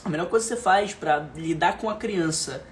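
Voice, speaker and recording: A man giving a motivational lesson, emphatic and repetitive, often dropping to a soft, calm voice. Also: high-pitched, fairly quick. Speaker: leadership and speaking coach.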